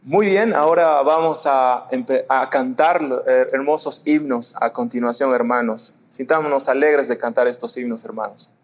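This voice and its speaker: A man's voice: mid-range voice, normal speed, hardly any pauses. A man leading a church service with welcomes and spoken prayer, in a hesitant, repetitive devotional way. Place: inside a church.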